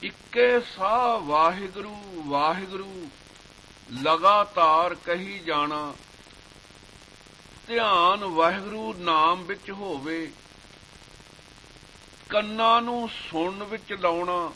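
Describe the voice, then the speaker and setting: A man preaches slowly and deliberately, his higher voice bright and clear. He recites scripture verses in a measured, chanting cadence. A faint hum sits under the recording. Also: low-quality recording. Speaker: Sikh preacher. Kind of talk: slow devotional sermon with scripture recitation.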